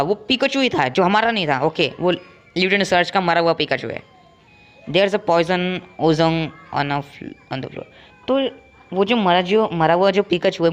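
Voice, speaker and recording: A man giving casual commentary while playing a game, joking, taunting opponents, and slowly reading out English game text. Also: high voice, fairly bright tone. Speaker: gameplay streamer.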